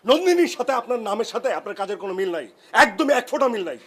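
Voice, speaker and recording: A man's voice: very high-pitched, very animated, rapid-fire, far from the mic, exaggerated voice. An actor playing an annoyed young man who scolds his noisy neighbor in a comedy drama. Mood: scolding. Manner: scolding, shouting commands. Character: irritated young male neighbor, guitarist. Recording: echoey room, mic from afar, music.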